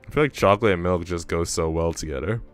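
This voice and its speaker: Talking fast in a low voice, the man livestreams a visual novel, reading it aloud between rambling, slang-filled chatter. Game music is faintly audible behind him.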